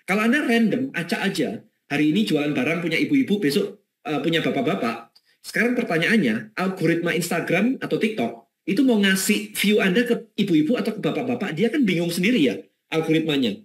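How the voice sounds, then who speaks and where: A middle-aged man teaching a marketing webinar in a lively, conversational way, checking in with his listeners often. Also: on the high side, fairly quick, reverberant. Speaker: webinar speaker.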